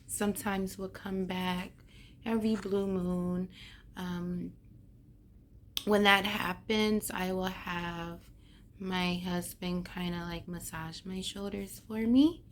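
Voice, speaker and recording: A woman with a hoarse voice chats casually to camera, giving a personal update and often trailing off as she searches for words. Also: lowish voice, steady tone, slow pace, slight background noise. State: hoarse after neck surgery. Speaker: vlogger giving a health update.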